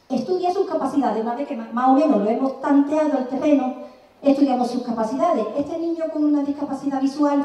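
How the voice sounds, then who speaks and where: A high-pitched woman in her sixties from Andalusia, Spain, with an Andalusian Spanish accent, gives a lively, chatty conference presentation on music teaching, sometimes singing short examples and asking the audience questions. She speaks indoors in a large conservatory auditorium on a handheld mic that is far off, in a very echoey hall.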